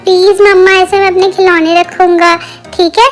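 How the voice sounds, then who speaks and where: A woman's voice: very high voice, little pitch movement, normal speed, faint music behind, voice pushed up. A woman doing a voice-over as a chatty toddler boy who pleads and complains in a childlike singsong. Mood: pleading. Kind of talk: voice-over for a baby.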